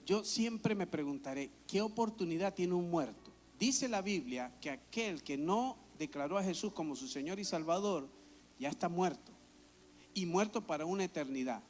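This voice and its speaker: Pastor guy preaching, pretty high voice, tells stories and acts them out. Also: normal speed, faint music behind. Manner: animated storytelling with acted-out quotes. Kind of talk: sermon.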